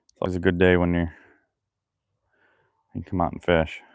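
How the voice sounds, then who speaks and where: A man's voice: low-pitched, level tone, moderate pace, clean tone, no echo, studio quality. A man chatting casually with live-stream viewers while he works outdoors by a creek, talking loosely between tasks. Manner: chats loosely with viewers while busy with his hands. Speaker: fishing livestreamer.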